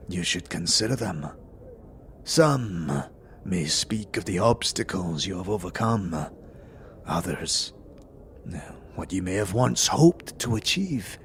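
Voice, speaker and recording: A man voices a proud, scarred alien soldier in a tabletop-style fantasy roleplay, speaking in grave, formal, archaic phrases with a solemn, reverent mood. His low-pitched voice is creaky, animated and slow, a full character voice. Faint background noise is present in the recording.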